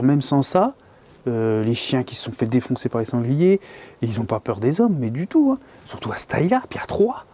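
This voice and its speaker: A man's voice: mid-range voice, warm tone. A man casually telling a scary fishing-trip anecdote, rambling and colloquial with lots of fillers, sometimes dropping to a whisper. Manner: drops to whispers at tense moments. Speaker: angler telling a story.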